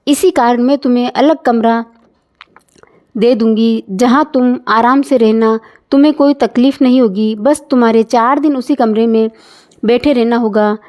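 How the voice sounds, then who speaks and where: A woman's voice: on the high side, moderate pace, a little mellow, lightly acted. A woman voicing a strict, traditional older mother-in-law with a scolding, insistent manner, in a storybook reading. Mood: instructing.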